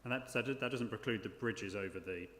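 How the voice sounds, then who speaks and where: Hesitant low-voiced man chairing a hearing. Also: a little fast, a bit bright. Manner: hesitant, often repeating words as he phrases questions. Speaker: planning inspector chairing an inquiry. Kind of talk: formal questioning at a public hearing. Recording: echoey hall with clear background noise.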